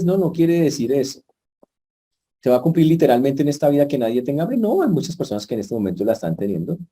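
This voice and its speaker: A man's voice: mid-range voice, dark tone. A male pastor, preaching a sermon in a conversational way and putting questions to the congregation. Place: church.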